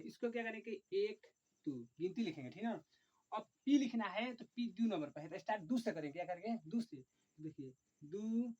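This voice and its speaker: A man teaching an online chemistry lesson, dictating slowly and repetitively, often saying "look" and counting aloud. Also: sits high, darkish tone. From Bihar, India. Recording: dull lo-fi recording.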